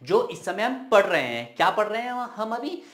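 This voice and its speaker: Young male tutor, slightly high voice, casual, quizzes his class and answers himself. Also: big pitch swings, moderate pace, a bit bright. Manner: chatty, asks and answers his own questions. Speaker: English grammar teacher. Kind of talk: casual spoken-Hindi grammar lesson.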